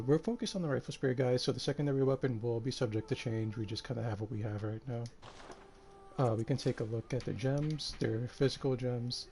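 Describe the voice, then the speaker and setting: Tired guy streaming a game, out of breath, laid back and rambly, warm dark voice, faint hiss behind. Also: medium pitch, creaky. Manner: relaxed, rambling with many fillers. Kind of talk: casual live-stream commentary.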